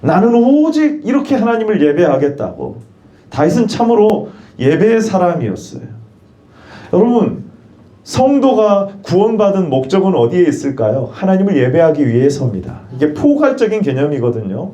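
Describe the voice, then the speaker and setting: A man's voice: high voice, sing-song, moderate pace, dark tone. A male pastor preaching a sermon in church. He poses questions and leads the congregation in repeating phrases.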